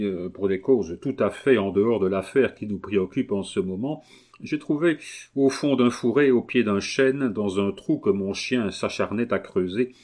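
A man reading a novel aloud, voicing an earnest, persuasive gentleman who speaks in a calm, measured way. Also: lowish voice, close to an everyday voice. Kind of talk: audiobook reading.

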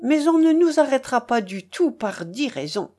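A woman's voice: high voice, sing-song, normal speed, warm tone, pitched above the performer's own voice. A woman reading a sneering, ferocious pirate. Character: cold, ferocious male pirate, arrogant and mocking.

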